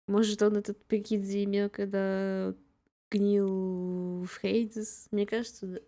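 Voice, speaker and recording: Slow-paced woman streamer, fangirl style. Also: medium pitch, flat delivery, dark tone. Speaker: game streamer. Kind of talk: casual live game commentary with chat.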